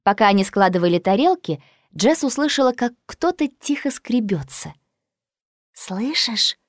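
Lively woman reading a storybook. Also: medium pitch, normal speed, dry recording, studio quality. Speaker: audiobook narrator. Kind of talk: children's storybook narration.

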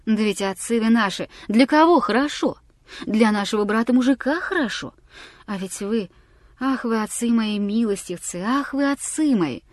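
A woman's voice: fairly high pitch, animated, moderate pace, no room sound, studio quality, close to an everyday voice. A woman voicing a fawning, tipsy middle-aged village bailiff who talks in a wheedling sing-song.

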